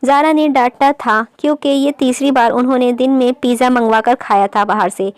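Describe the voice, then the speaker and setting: A woman narrating a romance novel aloud in an even storytelling read. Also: sits high, clear, resonant tone, no echo. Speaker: audiobook narrator.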